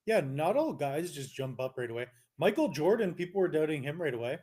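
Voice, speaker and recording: Young Canadian male co-host, slightly high voice, argumentative, animated live-stream banter. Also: a little fast, slight background noise. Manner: animated, argumentative, many restarts. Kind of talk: casual live-stream chat.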